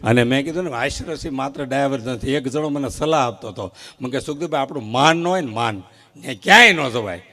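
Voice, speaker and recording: A mid-pitched male stand-up performs at a fairly quick clip, lively in his joke-telling. At a folk stage show held outdoors before an audience, he tells comic stories live, acting out little bits of quoted back-and-forth.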